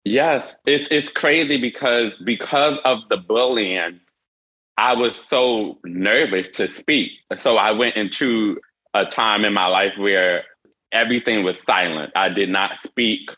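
On a rough recording, an interview guest who wears hearing aids shares candid personal stories. His voice is lowish yet bright and forceful, and his earnest telling halts often as he restarts.

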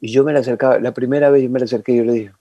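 An older man, telling long animated stories as an interview guest. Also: medium pitch, very fast, dry recording, lo-fi sound. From Ecuador. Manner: animated, rambling reminiscence with sound effects. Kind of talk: casual storytelling interview.

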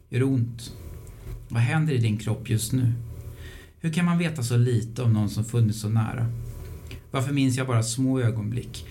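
Male reader, mellow dark timbre, quiet reflective questioning delivery for a scripted short story. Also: mid-range voice, slight background noise. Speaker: podcast host reading his own short story. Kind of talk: scripted reading of a first-person short story.

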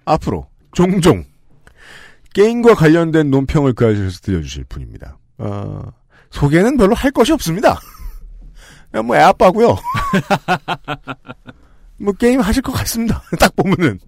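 Speaking at a normal speed with long pauses, a man with a fairly high voice hosts a podcast from a studio with no room sound. He's lively and jokey, listing games, making asides and laughing through casual talk with scripted segments.

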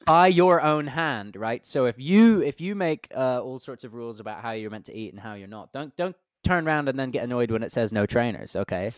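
A man's voice: medium pitch, expressive, a little fast, hardly any pauses, no room sound. Male podcast co-host, sarcastic riffer, dry studio sound. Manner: sarcastic, riffing with mock voices. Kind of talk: casual comedy chat.

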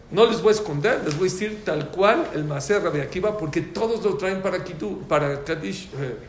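A man with a slightly high voice and a faint hiss or hum in the recording leads a lively religious prayer class. He tells stories animatedly, acting out the voices in his anecdotes, in an echoey room with faint ambience.

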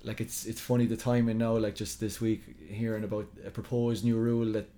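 A man's voice: fairly low pitch, little pitch movement, a little fast, mellow. A man speaking casually as a goalkeeper guest in a sports podcast interview.

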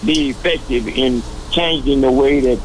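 A man phones in to a radio talk show, his voice carried over a phone line with a clear layer of noise. He has a mid-range pitch and speaks in an earnest, unhurried way, leaning on long fillers as he makes his announcement. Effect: heard over a phone line. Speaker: radio call-in caller. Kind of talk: community announcement on a call-in show.

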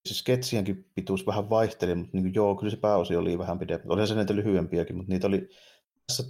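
A man's voice: low voice, steady tone, dark tone. A man co-hosting a casual podcast, talking hesitantly with many fillers and restarts. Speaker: podcast co-host. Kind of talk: casual chat about games and anime.

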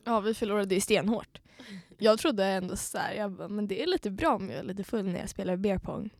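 A woman's voice: medium pitch, gravelly, dry recording. A woman co-hosting a podcast, telling stories in casual chat and acting out what people said. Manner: lively storyteller, acts out what people said. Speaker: podcast co-host.

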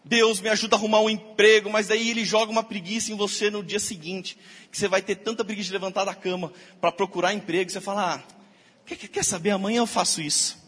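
A male pastor, preaching a lively sermon and acting out quotes of the people he talks about. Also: high voice, fast talker, slightly rough. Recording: long hall reverb.

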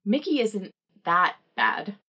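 Casting: earnest, exasperated bookish sidekick, breathy-husky, medium pitch, noir audio drama. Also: female voice, sing-song, slow, pushed and bright, exaggerated voice. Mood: flustered. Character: earnest, anxious young librarian sidekick.

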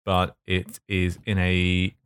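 A male podcast co-host telling a comic story in casual banter, mock-pedantic and halting as he builds his points. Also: low-pitched, completely flat delivery, a bit bright, clean tone, dry recording, clean studio sound.

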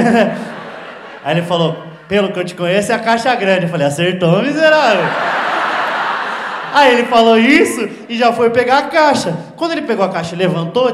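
Fast-talking man doing stand-up comedy. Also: very high-pitched, a little hiss or hum. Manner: animated storytelling, acts out dialogue, crude slang. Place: comedy stage with live audience. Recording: roomy live venue sound.

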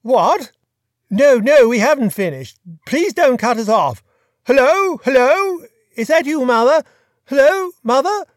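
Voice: medium pitch, sing-song, moderate pace, no room sound, voice pushed up, close to an everyday voice. Courteous upper-class gent, airy and clipped, storybook reading, dry sound, narrator-voiced. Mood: flustered. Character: genial aristocratic gentleman sleuth, light and courteous.

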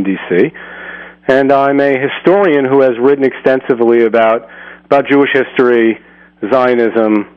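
A man calling into a radio show as a guest historian, speaking politely and evenly over a phone line that keeps breaking up. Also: mid-range voice. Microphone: telephone.

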